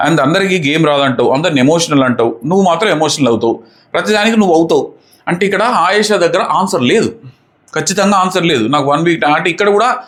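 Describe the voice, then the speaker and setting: A man's voice: high voice, a bit bright. A man giving an opinionated casual review of a reality show episode. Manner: opinionated, acts out housemates' lines in quotes.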